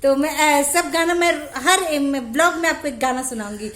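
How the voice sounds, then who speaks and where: A woman, chatting quickly and freely to camera at home as a home vlogger. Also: high voice, a bit bright. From Jharkhand, India. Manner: chatty, talks fast. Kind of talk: casual chat to camera. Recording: echoey room with faint music.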